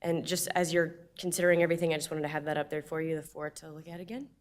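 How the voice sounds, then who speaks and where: Woman, slightly low pitch, staff presenter, plain explanatory delivery, public meeting. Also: fairly even intonation, rapid-fire.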